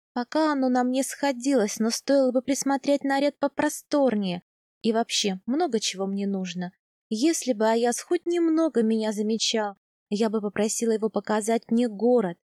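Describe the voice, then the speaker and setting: A woman calmly narrating a first-person audiobook in an even storytelling manner. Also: fairly high pitch, no room sound, clean studio sound.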